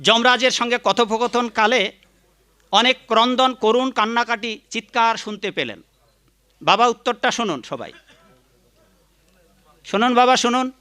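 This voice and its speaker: A man's voice: very high-pitched, measured pace, long pauses, pushed and bright, smooth. A man giving a devotional sermon, chanting the mantra between points and scolding critics. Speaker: preacher.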